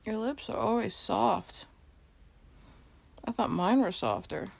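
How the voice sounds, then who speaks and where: A woman's voice: medium pitch, lively intonation, slow pace, gravelly, no echo, full character voice. A woman playing a sleepy, playful girlfriend in an intimate role-play, murmuring in a whiny, teasing way and sometimes whispering. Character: sleepy playful girlfriend waking late on her birthday.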